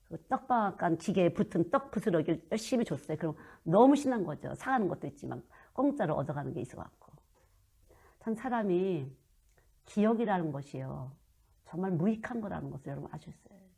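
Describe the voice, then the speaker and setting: A woman in her fifties preaching a sermon and telling stories from her own life, moving between loud emphasis and hushed asides. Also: fairly low pitch, creaky, slightly rough. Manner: storytelling, swings from loud to hushed. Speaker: children's missionary preacher.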